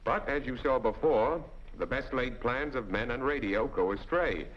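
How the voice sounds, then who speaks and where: An American man narrates a training film in a mid-range voice at normal speed, reading scripted instructions methodically and didactically, step by step. The sound is a dull 1940s film soundtrack.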